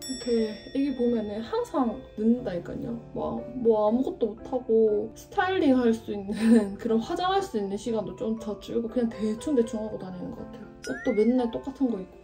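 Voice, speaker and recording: Young female vlogger, bright chatty delivery, slightly high voice, music bed underneath. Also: distant mic. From Busan, Korea. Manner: chatty and cheerful, quick laughs. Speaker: vlogger, mother of a baby. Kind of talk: casual vlog chat. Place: home indoors, later a cafe.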